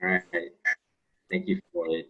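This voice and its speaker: A man's voice: sits low, monotone, slow pace, a bit bright, highs cut off. A man from Thailand, a former mayor, introducing himself in a friendly way on a panel.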